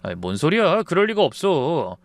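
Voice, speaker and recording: A man's voice: fairly high pitch, wildly swooping pitch, moderate pace, vocal fry, dry recording, heavily acted. A man voicing a defensive grown son in his thirties who snaps at his mother in a raised, irritated voice. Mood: dismissive.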